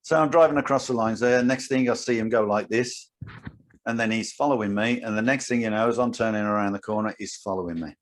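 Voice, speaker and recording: An older man, a podcast co-host telling an animated story in casual chat. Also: lowish voice, fast talker. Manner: animated storyteller, acts out his own lines.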